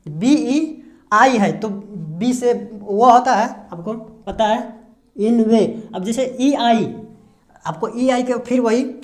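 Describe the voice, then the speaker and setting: A man teaching English pronunciation, explaining a lesson slowly with frequent hesitations and repetition. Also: high voice. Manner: hesitant, many drawn-out filler sounds, repeats himself.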